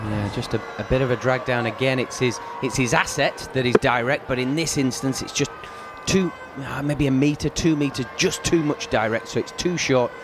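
A man's voice: mid-range voice, moderate pace. A man co-commentating on cricket, chattily breaking down each shot after it is played. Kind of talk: conversational expert analysis of each shot. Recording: clear outdoor ground noise.

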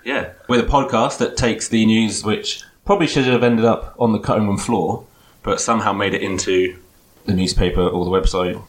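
Chatty low-voiced English host. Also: male voice, steady tone, moderate pace, few pauses. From Hertfordshire, England. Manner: chatty, laughing often. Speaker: podcast host. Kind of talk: casual chat.

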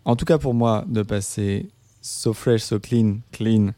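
A man co-hosting a casual radio show, talking in halting bursts with many fillers. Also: lowish voice, warm tone, no echo. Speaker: radio co-host. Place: radio studio.

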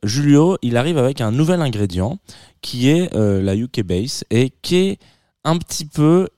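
Man, music show host, warm low voice, dry close sound, chatty and digressive. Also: lively intonation, moderate pace, no room sound. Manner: chatty and digressive, talks to listeners directly. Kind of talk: casual radio music presenting.

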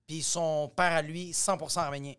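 A man's voice: fairly high pitch, fairly even intonation, moderate pace, a bit bright, clean tone. A man, co-hosting a podcast in casual chat, joking and swearing often. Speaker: podcast co-host.

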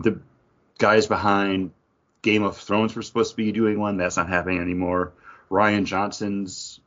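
An American man co-hosts a podcast, chatting and joking in a casual, informal way. His voice is fairly low in pitch with a fairly bright tone, and the sound is lo-fi.

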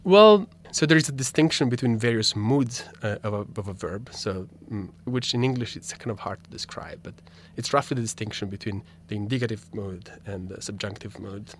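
A young graduate student in philosophy, a native Italian speaker with an Italian accent, is a guest on a radio interview. His lowish voice has lively intonation and a brisk pace with hardly any pauses. He is thoughtful, frequently restarting and filling gaps, and there's a little hiss or hum.

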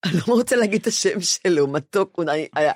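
A woman's voice: fairly low pitch, no room sound, clean studio sound. An older woman co-hosting a casual chat, telling stories with animation and acting out what others said. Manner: animated storyteller, acts out quoted voices. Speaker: co-host.

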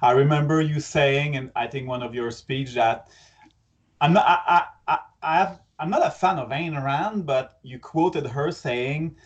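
Male interview guest, mid pitch, hesitant careful talk, dull lo-fi audio. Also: measured pace. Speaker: podcast guest. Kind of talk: casual interview chat.

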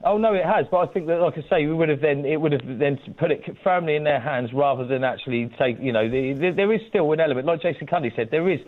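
Echoey man calling in by phone. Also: fairly high pitch. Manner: halting, rambling, full of restarts. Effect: echoey sound from a big room. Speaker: radio phone-in caller. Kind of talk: phone-in call chat. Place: large farmhouse room. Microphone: Bluetooth phone. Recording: tinny phone line with room echo.

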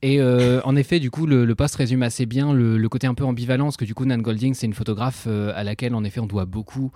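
A man talks in a casual podcast chat. He explains things haltingly, with plenty of fillers, and drops quick jokes. The sound is dry and close. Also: medium pitch, fairly even intonation, mellow, no room sound. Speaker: podcast co-host.

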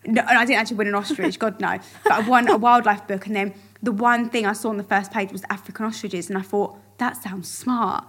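A woman's voice: medium pitch, steady tone, brisk, few pauses, fairly bright tone, slightly rough. A woman co-hosting a podcast, joking and giggling through casual banter. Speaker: podcast co-host. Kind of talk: casual chat.

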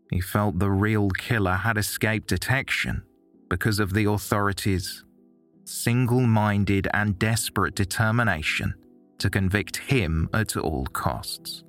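Low-voiced man narrating true crime. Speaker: documentary narrator.

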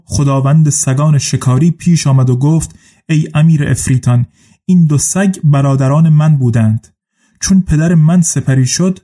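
A man reading old classical tales aloud in a slow, measured, formal storytelling manner. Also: mid-range voice, warm tone. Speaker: narrator.

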